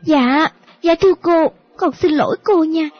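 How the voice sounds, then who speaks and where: A woman's voice: high-pitched, unhurried. A woman voicing a playful, pouty young woman, coaxing and wheedling in an audiobook. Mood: apologetic. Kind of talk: audiobook character voice. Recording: dull lo-fi audio with faint music.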